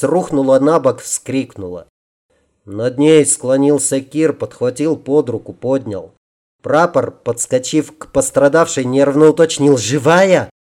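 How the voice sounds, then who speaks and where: A man narrating an audiobook with a steady storytelling delivery. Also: medium pitch.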